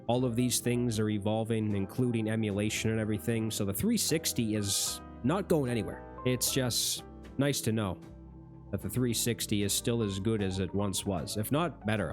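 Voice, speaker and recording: A man hosting a gaming channel in casual, rambling vlog talk, correcting himself mid-sentence, his voice going hoarse. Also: fairly low pitch.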